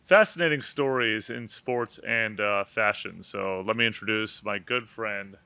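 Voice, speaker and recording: Upbeat young host with a bright low voice. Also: male voice, measured pace, vocal fry, clean tone, no echo. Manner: upbeat, energetic, friendly. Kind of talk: casual interview.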